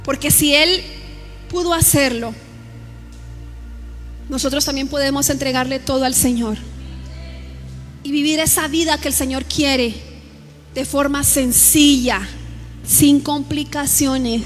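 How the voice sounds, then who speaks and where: A woman's voice: sits high, steady tone, takes it slowly, long pauses, soft background music. A woman pastor preaching a sermon, impassioned and full of repeated rhetorical questions.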